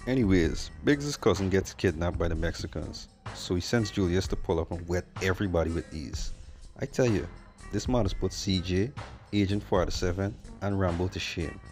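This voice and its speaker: A man's voice: deep voice, normal speed, a little mellow, faint music behind. A man narrating a sarcastic movie review in a blunt, mocking, slangy way.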